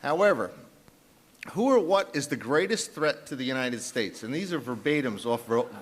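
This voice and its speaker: A man's voice: medium pitch, expressive, normal speed. A man from the South Bronx with a New York accent, presenting poll numbers emphatically on a conference panel. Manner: emphatic, punchy, with frequent restarts. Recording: long reverb of a large conference hall.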